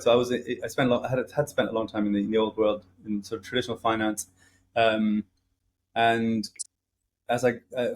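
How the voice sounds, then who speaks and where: A man's voice: on the low side, slightly rough. A middle-aged man talking as an interview guest, casual and hesitant, with frequent fillers and restarts. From grew up in several countries.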